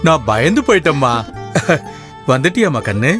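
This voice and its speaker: A man's voice: on the high side, very animated, normal speed, a bit bright, faint music behind. An actor voicing an older retired policeman who dotes on his granddaughter, affectionate and chuckling. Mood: fond. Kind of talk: dubbed film acting.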